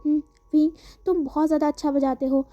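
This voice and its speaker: A gentle, earnest young musician asks soft, sincere questions in a storybook telling, read by a woman in her own voice. The voice sits high and sounds dark and mellow. A dull, slightly lo-fi recording carries faint music behind it. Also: little pitch movement, quick pace, close to an everyday voice.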